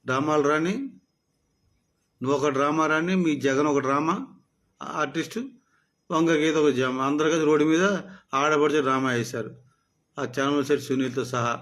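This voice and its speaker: A man's voice: a little high, fairly even intonation, a little fast, pauses often, fairly bright tone. A man delivering a mocking, scolding political rant aimed at a rival. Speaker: political commentator.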